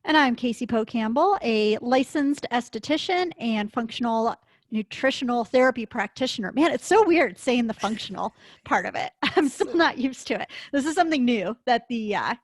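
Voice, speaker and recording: This is a woman co-hosting a podcast in a chatty, informal style. Her voice sits a bit high, and it is recorded dry, with very little room sound. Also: no echo. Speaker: podcast co-host. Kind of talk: casual podcast chat.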